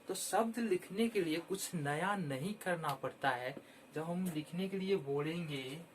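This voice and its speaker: Slow, patient man teaching spelling. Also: on the high side, slight background noise. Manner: repeats words slowly and clearly for children.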